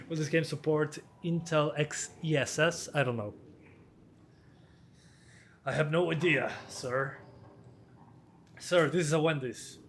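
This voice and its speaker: A man in his twenties, slightly hoarse, casually answering viewer questions on a live stream as a hardware tester with quick chuckles. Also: mid-range voice, a bit bright, a little hiss or hum. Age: 20s.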